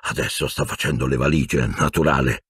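A man voicing a huge, warm-hearted gamekeeper with homely, plain speech. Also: low-pitched, lively intonation, normal speed, breathy edge, no echo, exaggerated voice. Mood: cheerful, confiding.

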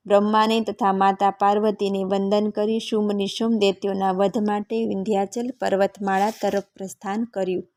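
A woman narrating a scripture story in a measured, scripted reading. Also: mid-range voice, flat delivery, darkish tone.

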